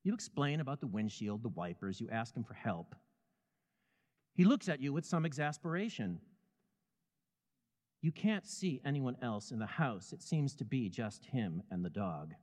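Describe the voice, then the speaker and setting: A man narrates a scripted story in second person, measured and vivid. His pitch swings widely through the lines. The voice carries a long hall reverb. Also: animated, darkish tone.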